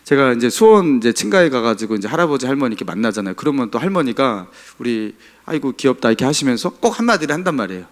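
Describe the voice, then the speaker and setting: A middle-aged pastor preaching a Sunday sermon in a church, asking the congregation questions. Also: male voice, medium pitch, sing-song, very fast, few pauses. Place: church sanctuary.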